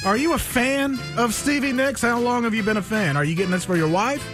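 A radio co-host with a high voice for a man, chatting with callers in a playful, teasing way. Faint music sits behind the talk. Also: a little fast. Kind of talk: casual radio banter.

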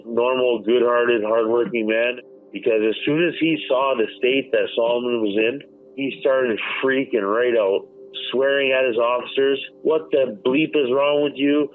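Man on a tinny phone line. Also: mid-range voice. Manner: emphatic, candid, repeats words, swears. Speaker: former inmate recounting events. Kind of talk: recorded phone interview.

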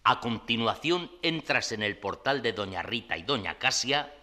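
Bright, forceful Spanish gang boss. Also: male voice, medium pitch, very animated, normal speed. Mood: commanding. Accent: Spain. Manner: commanding, irritable, theatrical. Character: bossy, exasperated small-time gang boss.

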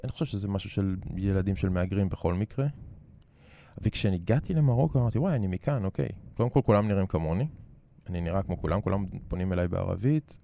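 A middle-aged man from Israel speaks Hebrew with a French accent, reflecting hesitantly in an interview and pausing to search for words. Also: deep voice, vocal fry, warm tone, slight background noise. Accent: French-tinged Hebrew. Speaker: interview guest, artist.

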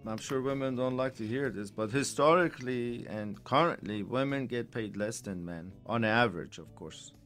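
A man's voice: medium pitch, normal speed, few pauses, fairly bright tone, soft background music. A middle-aged man hosting a financial radio show, chatting casually and rambling with many restarts.

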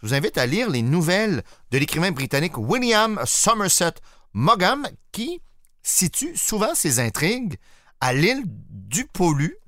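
Man, Québécois accent, podcast co-host, jokey, animated, bright, dry studio sound. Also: sits high, unhurried, no room sound. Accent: Québécois French. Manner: animated, jokey, bursts into shouts. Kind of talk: playful educational chat.

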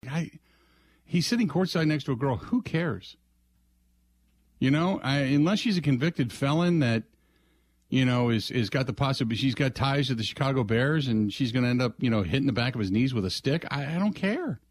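A man's voice: medium pitch, animated, normal speed, no echo. An American man hosting sports talk radio, chatting casually in a folksy, conversational way and slipping into sponsor plugs. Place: dry radio studio. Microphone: close broadcast mic.

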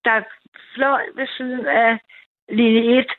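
A woman's voice: on the high side, little pitch movement. A woman calling in to a night radio show, telling a personal story in a rambling, eager way with many restarts. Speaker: caller. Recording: tinny phone line.

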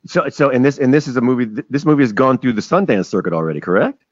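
A man co-hosting a radio interview, making a pointed case in an animated way. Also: mid-range voice, fast talker, dry recording, dull audio. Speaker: radio co-host.

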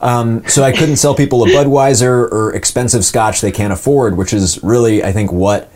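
Speaking at a moderate pace, this young man in his twenties has a mid-range, steady, darkish voice with a polished announcer quality. He's a voice actor guesting on an interview, relaxed and self-deprecating as he tells his stories.

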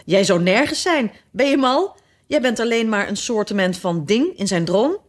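A woman voicing a boastful, quarrelsome little twin man who talks with loud scorn. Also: mid-range voice, very animated, a little slow, pitched above the performer's own voice. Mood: scornful.

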